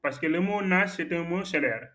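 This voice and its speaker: A man's voice: a little high, moderate pace, fairly bright tone. A man teaching a Quran recitation lesson, patiently correcting a student's errors and repeating the right forms, with frequent hesitations.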